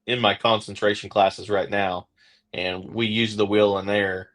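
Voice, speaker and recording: Here the same Oklahoma-accented podcast host rambles casually through an interview chat, full of fillers and false starts. He speaks unhurriedly in a lowish, fairly bright voice that barely moves in pitch.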